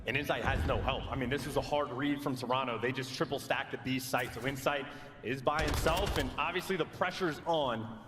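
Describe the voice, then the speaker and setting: A man's voice: mid-range voice, fairly quick, noisy background. A man giving live esports commentary as an analyst caster, emphatic and explanatory. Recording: echoey hall with music behind.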